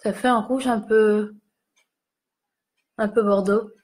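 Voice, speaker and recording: A woman's voice: medium pitch, steady tone, slow, darkish tone. A young woman chatting casually while doing a makeup tutorial, self-mocking and talking to her viewers as she applies lipstick. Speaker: beauty vlogger.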